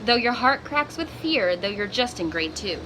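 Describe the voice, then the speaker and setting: A woman with a fairly high voice reads a picture book to children, expressively acting out the exclamations and stopping for asides to her young listeners. The recording is homemade, with clear background noise underneath.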